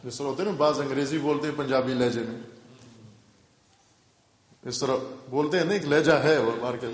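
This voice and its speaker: A male Islamic scholar giving a religious lecture with a Pakistani Urdu accent, explaining step by step and repeating key terms for emphasis. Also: mid-range voice. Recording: echoey hall reverb.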